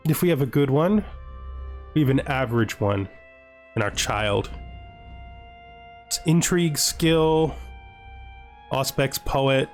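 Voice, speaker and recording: A gaming video host gives casual let's-play commentary on a strategy game, talking his decisions through to himself and often checking them with a questioning tag. His medium-pitched voice is expressive and slow, with long pauses, and soft music plays in the background.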